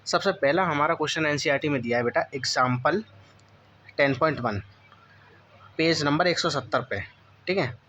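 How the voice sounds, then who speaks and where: A physics tutor coaches a class ten board-exam lesson, slowly and deliberately reading English textbook lines in an Indian English accent. His sharp-toned voice is on the high side, and he calls students "beta," repeatedly says "okay" and "theek hai," and often asks questions to check they follow. A little hiss or hum is audible.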